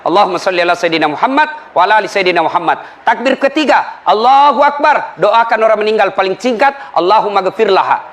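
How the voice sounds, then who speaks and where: High-voiced preacher, lively and funny. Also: male voice, fast, hardly any pauses. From Indonesia. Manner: lively storytelling, acts out voices of people he quotes. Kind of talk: humorous sermon.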